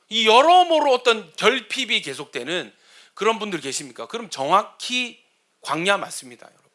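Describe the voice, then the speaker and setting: A man preaching a sermon as pastor, telling funny stories and asking the congregation questions. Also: sits high. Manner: animated, asks the congregation questions; humorous storytelling.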